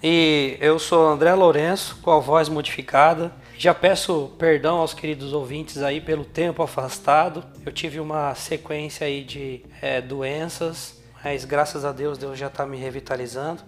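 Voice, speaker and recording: A man's voice: on the high side, steady tone, normal speed, few pauses. Man with a voice changer, Brazilian accent. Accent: Brazilian Portuguese. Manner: earnest, emphatic repetition. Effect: voice changer, altered voice. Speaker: podcast co-host.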